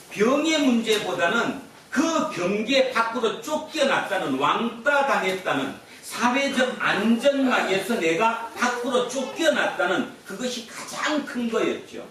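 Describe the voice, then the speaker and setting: Animated pastor quizzing his congregation. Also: sits high. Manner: questions the congregation and repeats the answers. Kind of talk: sermon. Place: church sanctuary. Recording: echoey church hall from far off.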